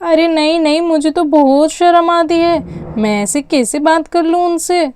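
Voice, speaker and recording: A woman's voice: very high-pitched, a little slow, a little mellow, slight background noise. A woman voicing a worried, busy young mother in a doll story. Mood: flustered. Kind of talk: storytelling with dolls.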